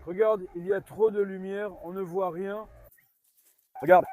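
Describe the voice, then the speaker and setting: A man with a noticeably high voice films a casual farm vlog outdoors. He coaxes and calms his dogs in between remarks to his viewers, and dogs can be heard around him. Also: unhurried, slight background noise. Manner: coaxing and calming dogs while chatting to viewers. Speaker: dog owner filming at his farm. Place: farmyard outdoors.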